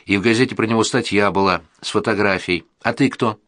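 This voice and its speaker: A man's voice: lowish voice, a little fast, a bit bright, natural voice. A man voicing an agitated young student friend. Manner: angry, scolding.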